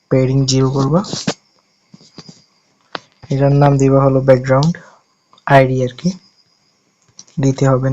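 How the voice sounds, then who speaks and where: Flat-voiced man giving casual tutorial steps. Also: mid-range voice, lo-fi sound, a little hiss or hum. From Bangladesh. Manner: step-by-step instructions, casual, self-correcting. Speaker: tutorial host. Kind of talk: screen-recorded app-building tutorial.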